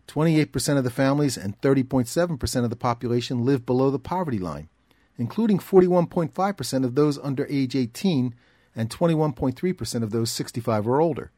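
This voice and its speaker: A man reading a scripted documentary narration in a measured, even way. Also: mid-range voice, dry recording, clean studio sound. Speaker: narrator and reporter.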